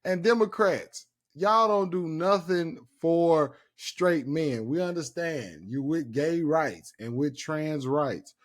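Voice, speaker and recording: High-voiced brash joking man. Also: slow pace, hardly any pauses. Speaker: podcast co-host. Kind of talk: casual chat.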